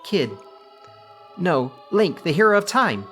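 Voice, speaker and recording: A man's voice: high voice, big pitch swings, slow, a bit bright, faint music behind, pitched above the performer's own voice, full character voice. A man voicing a proud, brash female warrior from a game. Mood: bold.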